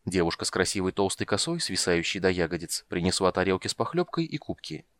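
A man reading an audiobook in a steady, expressive storyteller's manner. His voice sits on the low side. The recording is dry and close, without room sound. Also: quick pace, no echo. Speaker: audiobook narrator. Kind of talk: audiobook narration.

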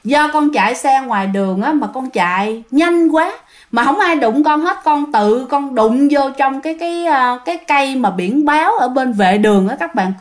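A woman voicing the ghost of a seventeen-year-old in a spoken ghost story, pleading and gently stubborn. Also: high-pitched, lively intonation, normal speed. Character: ghost of a 17-year-old who died on the road, lonely.

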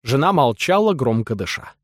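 A man narrating a literary novel as an audiobook, in a lively, ironic storytelling manner. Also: medium pitch, moderate pace, no room sound, studio quality.

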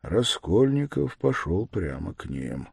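A man reading an audiobook narration in a measured way, dropping low and quiet on reflective lines. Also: big pitch swings, creaky, breathy edge, dry recording. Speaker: audiobook reader. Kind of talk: scripted narration.

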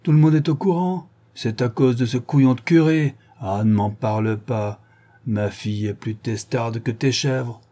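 A man's voice: mid-range voice, a little slow, warm tone, lightly acted. A man voicing a bad-tempered old farmer and father who roars and mocks in coarse words. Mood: gruff. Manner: roaring, coarse, mocking.

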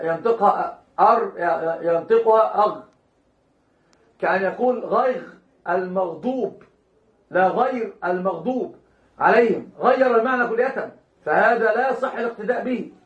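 A man teaching Islamic law in a classroom lecture, repeating and restarting words and speaking straight to his students. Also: high-pitched. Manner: addresses students directly, chuckles now and then. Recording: roomy, dull lo-fi lecture recording.

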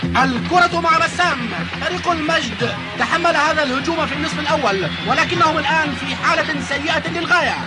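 A man's voice: extremely high pitch, fast talker. A man playing an urgent, suspenseful football commentator in a dubbed cartoon, giving dramatic play-by-play and repeated rhetorical questions. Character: excited male football match commentator. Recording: loud music under the voice.

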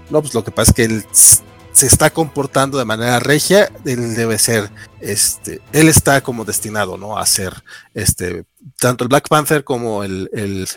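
A man with a Mexican accent, chatting casually on a livestream about comics, full of fillers and restarts. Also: mid-range voice. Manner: rambling with many fillers. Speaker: comic book reviewer. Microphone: remote call with lag.

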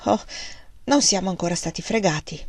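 A woman's voice: fairly low pitch, lively intonation, brisk, breathy edge, dry recording. Tired broke pioneer husband, anxious , a woman reading him, dry sound. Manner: anxious, despairing. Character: worn-out despairing young pioneer husband. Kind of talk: audiobook reading.

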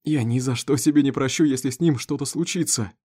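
Man voicing a wounded father, pained, urgent, raised pitch. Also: fairly quick, mellow, slightly rough, close to an everyday voice. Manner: strained, groaning, urgent.

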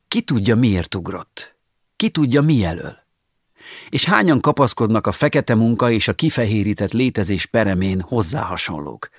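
A man reading short stories aloud in a measured, ironic way, as an audiobook narrator. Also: lowish voice, no echo, clean studio sound. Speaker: audiobook reader. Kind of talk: scripted narration.

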